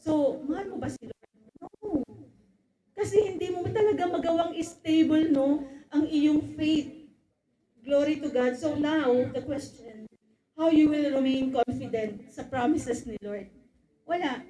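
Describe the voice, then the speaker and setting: A woman with a high voice preaches in mixed Tagalog and English. She keeps calling out to the congregation for an amen. The room around her sounds echoey and reverberant. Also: unhurried, mellow. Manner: calls out "Amen?" and "Glory to God" to the congregation, acts out quoted voices. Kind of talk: Taglish sermon.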